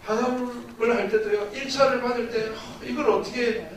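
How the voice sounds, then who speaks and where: High-voiced man preaching in an echoing church. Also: steady tone, moderate pace. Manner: earnest testimony with rhetorical questions to the congregation. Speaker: missionary preacher. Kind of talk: sermon. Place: church sanctuary. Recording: very echoey church hall, distant.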